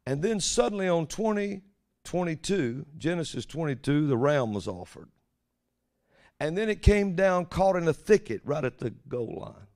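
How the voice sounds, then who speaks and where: A man's voice: fairly high pitch, very animated, normal speed, darkish tone. Folksy male preacher, rambling prophetic sermon. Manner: folksy, rambling, with rhetorical questions.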